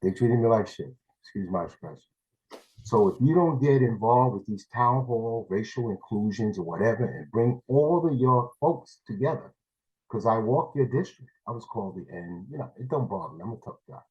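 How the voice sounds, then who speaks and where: A man's voice: medium pitch, lively intonation, normal speed, warm tone, lo-fi sound. A man from New City, giving a rambling, blunt public comment over a video call as a parent. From New York City.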